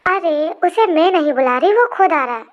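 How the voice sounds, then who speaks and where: A woman's voice: very high voice, animated, moderate pace, highs cut off. A woman voicing an overworked sister-in-law who complains and scolds the family, in a fan storybook reading. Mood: scolding. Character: nagging sister-in-law, busy homemaker.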